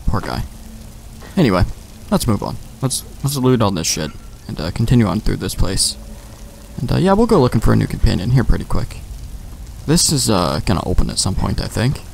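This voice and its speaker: A man hosting a let's play speaks a little fast in a lowish, creaky, very animated voice while game music plays faintly behind. He thinks aloud in a casual, wandering way with some mild swearing, and a little hiss or hum can be heard.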